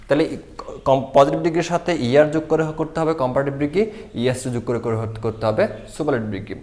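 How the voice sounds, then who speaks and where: A man's voice: medium pitch, quick pace, a little mellow. A man teaching a grammar lesson, explaining step by step and answering his own questions.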